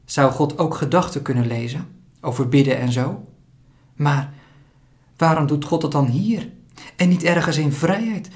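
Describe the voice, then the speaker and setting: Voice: medium pitch, darkish tone. Een verteller die kalm en gelijkmatig een uitgeschreven kinderverhaal voorleest. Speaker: narrator. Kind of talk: scripted storybook narration.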